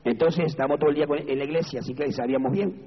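A man with an Argentine Spanish accent preaching an evangelical sermon as pastor, moving from low, measured speech to high, fervent exclamations. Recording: reverberant hall, dull lo-fi sound, faint background noise.

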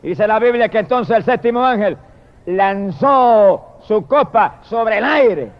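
A man preaching a fiery sermon, swinging from shouted hallelujahs to low murmured praise. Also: lively intonation, measured pace. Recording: dull lo-fi recording.

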